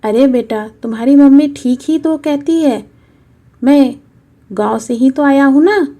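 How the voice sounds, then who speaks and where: A woman voicing a frail, humble old village grandfather in a storybook reading, speaking gently and softly. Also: high-pitched, measured pace, pitched above the performer's own voice. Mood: gentle. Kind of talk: storybook narration.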